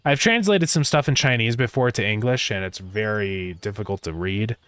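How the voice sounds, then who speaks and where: Low-voiced man chatting through a coding stream. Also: moderate pace, smooth, no room sound. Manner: relaxed, thinks aloud, answers chat with fillers. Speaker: indie game developer streaming. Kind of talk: casual live-stream chat while coding.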